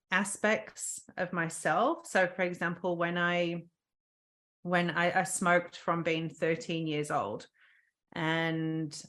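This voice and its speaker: A woman's voice: sits low, fairly bright tone. A woman guest on a podcast, earnestly telling a personal story with frequent ums and restarts.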